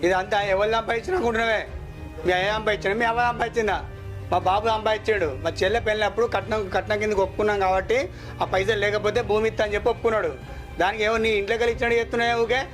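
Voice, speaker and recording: A man playing a fast-talking pleading son. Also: high voice, flat delivery, a bit bright. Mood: angry. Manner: pleading, repeats comforting words. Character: devoted son and brother, protective. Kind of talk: emotional short-film acting. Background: music.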